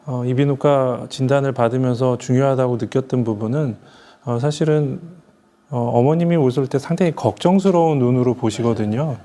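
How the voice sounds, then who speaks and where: Male ENT doctor, mellow dark tone, halting with many fillers. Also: medium pitch. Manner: hesitant, frequent "uh" fillers. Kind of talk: panel discussion.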